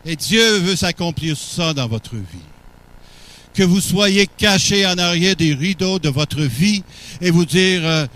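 A man preaching, his voice pitched high for a man and ringing bright. He takes his time, stretching and repeating phrases, then bursts into exclamations of praise. It is a fervent sermon delivered in a church. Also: expressive, slow pace.

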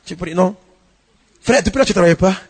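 High-voiced husky French preacher in a hall. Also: male voice, quick pace. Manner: swings from hushed pleading to shouted exhortation. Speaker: pastor. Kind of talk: sermon.

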